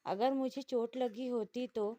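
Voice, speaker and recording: Storybook figure, soft polite young bride read by a woman, reassuring, highish voice. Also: fairly even intonation, a little slow, no echo, lightly acted.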